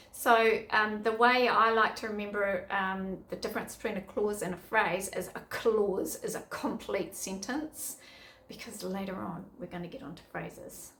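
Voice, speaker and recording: A woman's voice: mid-range voice, a bit bright, echoey room. A middle-aged woman, giving upbeat, chatty teaching tips to other teachers. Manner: chatty, upbeat, self-correcting.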